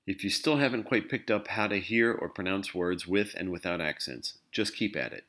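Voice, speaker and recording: Deep-voiced man teaching language. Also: moderate pace, fairly bright tone, a little hiss or hum. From English-speaking country. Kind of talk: scripted instructional narration.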